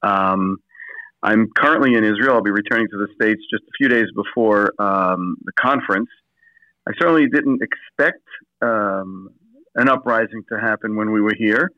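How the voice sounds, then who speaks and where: A man's voice: on the low side, moderate pace, dry recording. A man on a phone call, answering as an interview guest, hesitant with many fillers and restarts. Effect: heard over the phone. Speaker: assistant pastor, phone-in guest. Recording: dull lo-fi phone line, dry.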